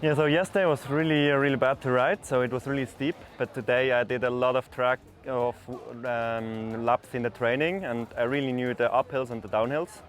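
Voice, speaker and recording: A man's voice: mid-range voice, fairly even intonation, moderate pace, few pauses, faint music behind. A non-native English-speaking man giving a casual interview as a racer. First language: not English.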